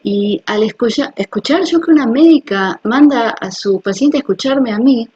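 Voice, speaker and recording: A woman's voice: fairly high pitch, expressive, moderate pace, darkish tone, husky, highs cut off. A woman hosting her own video, explaining things to viewers in an earnest, personal way and checking that they follow. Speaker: health video host. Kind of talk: casual explanatory talk to viewers.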